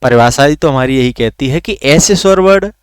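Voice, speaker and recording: एक आदमी, जो रिकॉर्ड की गई ऑनलाइन क्लास पढ़ाता है, खुद सवाल पूछकर खुद जवाब देता है और स्वरों को खींचकर बोलता है।. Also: male voice, mid-range voice, expressive, brisk, clean tone, no echo, studio quality. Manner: asks questions then answers them himself; drags out vowels to demonstrate. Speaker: teacher. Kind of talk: recorded online lesson.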